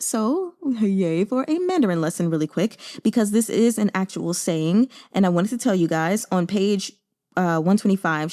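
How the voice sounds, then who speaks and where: Speaking in a fairly low, mellow voice, a woman leads a casual book discussion, tossing out slangy, strongly opinionated remarks with plenty of emphasis.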